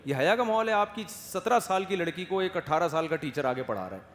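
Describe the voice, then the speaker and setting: Animated male preacher in an echoey hall. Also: fairly high pitch. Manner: animated, rhetorical questions to the audience, acts out soft and loud voices. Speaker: religious scholar giving a sermon. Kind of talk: Urdu sermon. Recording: echoey hall with faint ambience.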